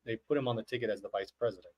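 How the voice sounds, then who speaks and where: A man's voice: fairly low pitch, rapid-fire, darkish tone. Male podcast co-host, casual livestream chat, rambling, joking.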